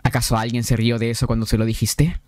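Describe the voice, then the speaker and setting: A man's voice: medium pitch, little pitch movement, fast, darkish tone, no room sound, pitched below the performer's own voice, natural voice. A young man voicing a blunt, teasing male character in a visual novel. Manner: dry, teasing.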